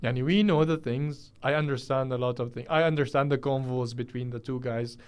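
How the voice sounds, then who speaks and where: A man's voice: mid-range voice, brisk, darkish tone, clean tone. A man raised in the UAE chatting casually on a radio show, agreeing and building on his co-host's points with frequent uhs. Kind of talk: casual chat.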